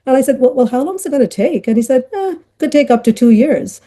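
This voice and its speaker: Chatty woman with a very dark voice. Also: high voice, animated, quick pace. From Ghana. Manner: chatty, frequent fillers, laughs often. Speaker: guest, child psychiatrist. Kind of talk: conversational storytelling interview.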